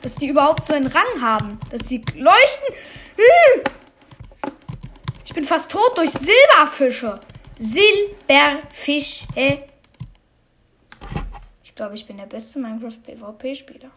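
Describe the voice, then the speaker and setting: A woman giving casual commentary on her own video game, excitable, swearing and muttering at what happens on screen. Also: high-pitched, a little slow, slight background noise. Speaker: gamer commentating her play.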